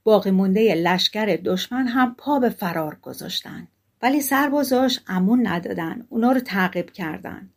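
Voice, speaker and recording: A woman narrating a fairy tale audiobook in a calm, steady storytelling manner. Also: medium pitch.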